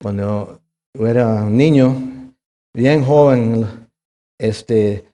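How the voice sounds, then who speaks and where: A middle-aged male pastor preaching a sermon, rising to loud emphatic peaks and dropping to hushed tones, often tossing in a questioning "ah?" to the congregation. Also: medium pitch, very slow. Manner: swings between loud emphatic rises and hushed quiet passages; punctuates points with questioning "ah?" tags.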